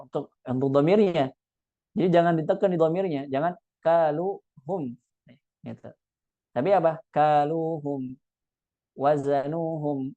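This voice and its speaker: A man teaching Quran recitation. He reads the text aloud, explains it with casual fillers and sounds out the verses slowly. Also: on the high side, warm tone, no room sound, muffled recording. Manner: demonstrates recitation slowly and deliberately.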